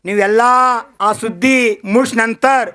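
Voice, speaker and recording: A man with a high voice preaches a sermon as a story. He moves between hushed narration and loud, dramatic outbursts. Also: fairly even intonation, slow, smooth. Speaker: monk preacher.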